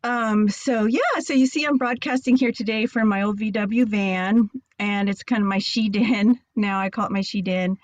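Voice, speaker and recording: A woman giving a casual talk over a video call from inside a camper van, nervous and halting with many fillers. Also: medium pitch, fairly even intonation, no echo. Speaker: guest speaker. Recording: dull dry video call audio.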